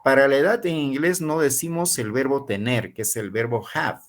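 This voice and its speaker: In an online English course taught in Spanish, a Peruvian university professor in his forties slowly repeats model phrases so learners can follow. His pitch is medium.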